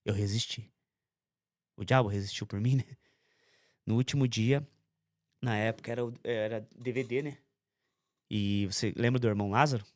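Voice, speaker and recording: This man's voice sits on the low side, moving at a moderate pace with frequent pauses, captured dry at studio quality. Sharing his testimony in a conversational interview, he tells the story intensely and voices other people's words as he quotes them.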